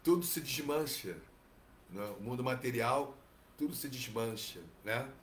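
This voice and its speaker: A man with a Brazilian Portuguese accent teaching from scripture, relaxed and digressive, often adding tag questions. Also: mid-range voice, measured pace, echoey room, a little hiss or hum. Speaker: Bhagavatam teacher. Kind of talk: reading and commentary on scripture.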